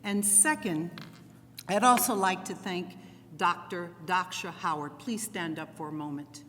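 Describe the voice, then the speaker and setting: A middle-aged woman giving a lively keynote speech, playfully leading the audience in call-and-response. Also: lowish voice, a little slow. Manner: energetic, playful, commanding the crowd. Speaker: keynote speaker. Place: large hall with audience. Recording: long hall reverb, faint crowd noise.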